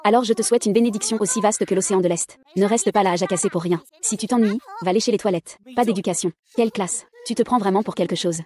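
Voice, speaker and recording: A woman reading out a dubbed drama, giving every character the same even voice. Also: medium pitch, fast, hardly any pauses. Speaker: narrator voicing every character. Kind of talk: fast dubbed drama read-through.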